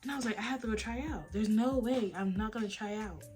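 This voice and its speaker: A young adult woman vlogger, at home with a face mask on, chats fast in a mid-range voice during a late-night Q&A, faint music playing behind her. She tells animated stories, full of "like" and "y'all."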